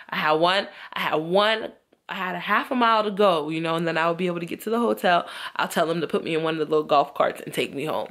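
A woman's voice: on the low side, fairly bright tone, a little hiss or hum. A young woman vlogger telling a story casually, acting out quoted voices and swearing freely.

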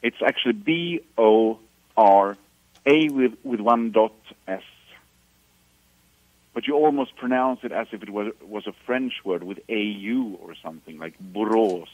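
A man from Sweden in his fifties talks in a lowish voice, often pausing and restarting his phrases as a guest. The sound is dry and a little dull, as if over a phone line. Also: dry recording. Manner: hesitant, restarts phrases, animated about music. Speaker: musician guest. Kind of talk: radio interview over the phone.

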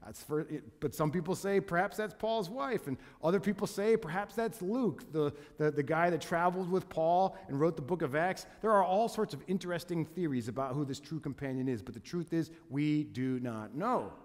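A man's voice: a little high, lively intonation, normal speed, few pauses. A man pastor preaching a sermon in earnest, with frequent restarts and repeated words. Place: church sanctuary. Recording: long reverb of a church hall.

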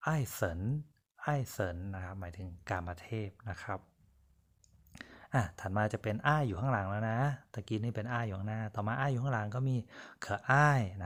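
A man giving a casual language lesson, patiently repeating each word and explaining it with polite endings. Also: fairly low pitch. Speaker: Chinese language teacher.

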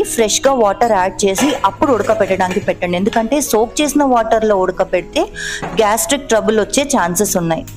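Chatty woman narrating a home cooking vlog. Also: on the high side. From Telugu-speaking India. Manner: chatty, explanatory, mixing English words into Telugu. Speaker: cooking vlogger. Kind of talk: voice-over narration of a cooking video.

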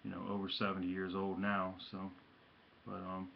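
A man casually showing off his hat and jersey pickups from his room at home, talking haltingly with lots of ums and uhs and slangy shout-outs, and he has the hiccups. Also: low-pitched, completely flat delivery, gravelly, lo-fi sound, a little hiss or hum. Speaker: hat and jersey collector vlogger. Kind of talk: casual show-and-tell vlog.

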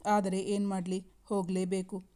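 A woman's voice: mid-range voice, monotone, moderate pace, smooth, natural voice. Woman voicing a coaxing young husband. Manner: gently coaxing, reassuring. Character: affectionate young husband, busy businessman.

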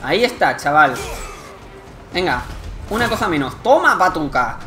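A young man from Spain with a Spanish accent, commenting live on his gameplay, excitable and swearing often in frustrated outbursts. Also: fairly high pitch, moderate pace, faint music behind. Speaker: gaming youtuber.

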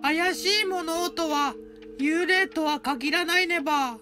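Taking her time, a woman uses a very high-pitched voice to play a cheerful mascot. Every sentence of her short stories ends with a cute verbal tic. The mood is upbeat, backed by light music.

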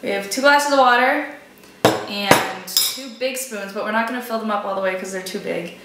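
A woman's voice: mid-range voice, normal speed. A young woman chatting casually as a giggly, nervous challenge vlogger in a home kitchen. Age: young adult. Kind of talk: casual chat. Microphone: camera mic a few feet away. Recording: echoey kitchen, far mic, background noise.

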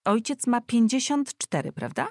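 A woman's voice: on the high side, sing-song, normal speed, dry recording, pitched above the performer's own voice. A woman reading an audiobook voices a young nobleman who speaks politely but with dry irony. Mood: wry. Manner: dry, ironic, politely joking. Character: young nobleman, wry and easygoing.

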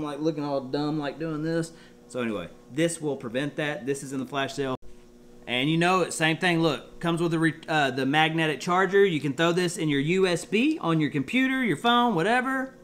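Excitable Texan man showing off finds. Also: fairly high pitch. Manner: excitable, chatty, lots of "y'all" and "look". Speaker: storage unit reseller vlogger. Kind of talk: casual chat to camera. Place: home room, then cluttered garage indoors.

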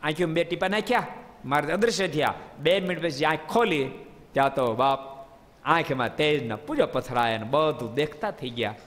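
A man giving a devotional storytelling sermon in a hall, lively and often quizzing his listeners with playful asides. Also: a little high, normal speed. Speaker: preacher. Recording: long hall reverb.

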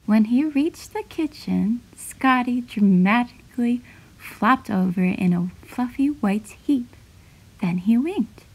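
A woman's voice: a little high, expressive, takes it slowly, slightly rough, poor audio. Woman reading a bedtime storybook aloud. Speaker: children's book author reading aloud. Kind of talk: storybook read-aloud narration.

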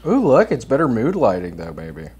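A man guesting on a live podcast in a hotel room, joking crudely and getting animated in casual banter. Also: medium pitch, moderate pace, a little hiss or hum.

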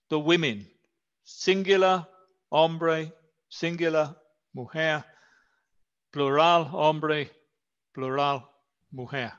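A man whose first language is English, teaching an English grammar lesson in Spanish, slowly and carefully repeating example words for his student. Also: on the high side, fairly bright tone. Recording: slightly dull lo-fi sound.

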